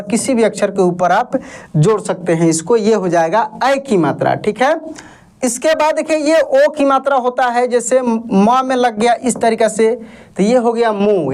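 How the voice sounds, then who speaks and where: A man's voice: sits high, unhurried, darkish tone. A man teaching an online lesson, patiently asking questions and answering them himself while reassuring learners. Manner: reassuring, tells learners not to worry. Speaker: Hindi teacher.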